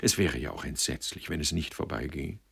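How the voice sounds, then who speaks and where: A man voicing a sick, weak young actor who speaks quietly and faintly. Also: extremely low pitch, animated, a little fast, creaky, slightly rough, heavily acted.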